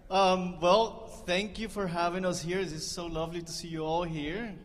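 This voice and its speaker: This bandleader's voice is high and steady, moving at a normal speed over slight background noise. Onstage between numbers, he chats and jokes with the audience, laughing at his own quips, all in the reverb of a live concert hall.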